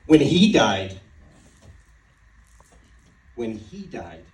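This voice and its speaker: A man playing a hardened male soldier who witnessed the crucifixion, speaking quietly and gravely. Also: medium pitch, slow pace, slight background noise, natural voice. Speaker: church drama performer. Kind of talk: dramatic monologue. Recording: roomy, faint, distant mic.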